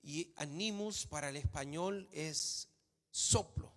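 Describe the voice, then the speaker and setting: A man's voice: on the high side, takes it slowly, a bit bright. A man preaching a sermon in a church hall, emphatic, repeating phrases for stress. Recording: long hall reverb.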